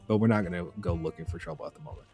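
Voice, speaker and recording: A man giving relaxed, chatty live commentary while streaming a survival game, laughing often. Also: deep voice, very fast, faint music behind.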